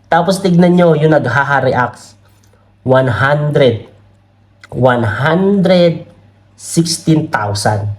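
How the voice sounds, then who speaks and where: Speaking very slowly and pausing often, this Filipino-accented man has a slightly high voice with lively intonation. His political commentary is casual and chatty, full of laughter and tag questions, and he reads comments from his screen out loud, recorded on a camera mic.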